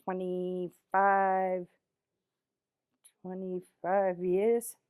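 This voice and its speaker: A woman's voice: fairly low pitch, completely flat delivery, drawn-out words, smooth, no room sound, phone-quality sound. A woman in her seventies from East Boston with a Boston accent and a plainspoken manner. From East Boston, Massachusetts, USA. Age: 70s. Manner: plainspoken, short blunt answers. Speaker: interviewee. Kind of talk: reading test sentences and answering interview questions.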